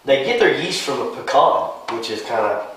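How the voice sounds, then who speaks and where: A man's voice: mid-range voice, moderate pace, a little hiss or hum. A man co-hosting a bourbon tasting, explaining at an easy pace with lots of fillers. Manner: relaxed, filler-heavy explaining. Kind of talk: casual chat. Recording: roomy sound from far off.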